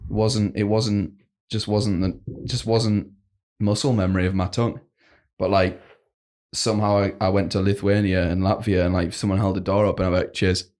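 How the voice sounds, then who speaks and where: A young man trades loose, profane banter on a home podcast and laughs often. His voice sits fairly low. He talks in a relaxed, rambling way. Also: normal speed. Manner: laughs a lot, swears casually. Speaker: podcast co-host. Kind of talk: casual banter.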